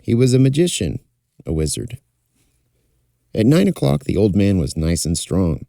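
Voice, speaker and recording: A man's voice: lowish voice, big pitch swings, moderate pace, gravelly, mellow, dry recording, studio quality. A man telling a folktale in a fireside storytelling style, as narrator. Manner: acts out characters' dialogue.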